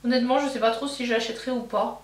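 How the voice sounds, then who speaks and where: A woman's voice: fairly high pitch, fairly even intonation, very fast, far from the mic. Chatty woman doing her makeup, roomy sound. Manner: rambling, thinking aloud with many fillers and self-corrections. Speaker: beauty vlogger. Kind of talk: casual get-ready-with-me chat while doing makeup. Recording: echoey room, voice from off-mic, faint hum.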